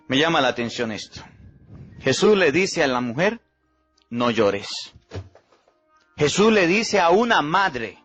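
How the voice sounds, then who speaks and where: A man's voice: a little high, fairly bright tone. A Mexican priest giving a homily at Mass. He preaches with heavy repetition and puts questions to the congregation. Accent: Mexican Spanish. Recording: slightly dull recording with faint music.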